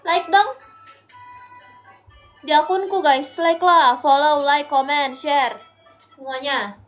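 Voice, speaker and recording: A woman's voice: sits high, slow pace, a bit bright, soft background music. Tired, chatty young woman live-selling. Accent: Indonesian. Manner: chatty, pleading viewers for likes and gifts. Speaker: live-stream seller. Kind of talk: casual live-selling chat.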